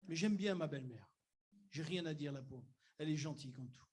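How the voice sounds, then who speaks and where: A man from Algeria, acting as pastor, gives a sermon in church with a slightly high, slightly fast, husky voice of darkish tone. He chats straight with the congregation and builds toward emphatic declarations.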